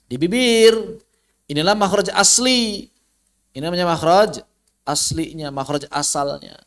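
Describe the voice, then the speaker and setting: A man's voice: high-pitched, a little slow. A man with an Indonesian accent teaching tajwid online, patiently demonstrating how letter sounds are pronounced.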